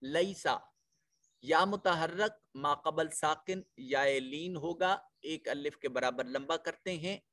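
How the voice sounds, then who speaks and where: A man with a Pakistani Urdu accent teaching a Quran lesson, reciting verses in a slow, drawn-out chant and explaining pronunciation rules methodically. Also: on the high side, fairly bright tone, no echo, studio quality.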